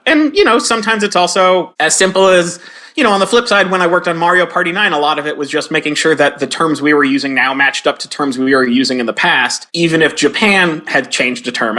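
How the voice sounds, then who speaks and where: A man's voice: fairly high pitch, sharp tone. A man in his forties being interviewed, telling stories and acting out quoted lines in a raised voice. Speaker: guest, game localizer and comedy writer. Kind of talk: conversational interview storytelling.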